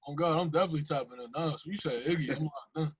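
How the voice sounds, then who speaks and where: A man's voice: fairly high pitch, quick pace, breathy edge. A young man hosting a podcast in casual, slangy conversation, repeating phrases for emphasis. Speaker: podcast host.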